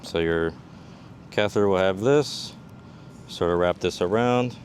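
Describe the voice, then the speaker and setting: Unhurried and methodical, a man with a fairly low voice teaches as an army combat medic instructor, taking a practical demonstration one step at a time. Faint background sounds, such as a rumbling vehicle, can be heard.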